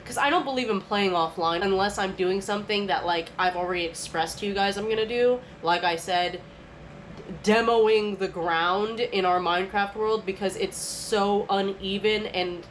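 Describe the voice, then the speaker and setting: A woman's voice: mid-range voice, moderate pace, slight background noise, poor audio. A young adult woman chatting to camera at home in a rambling, casual way, full of filler words. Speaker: vlogger.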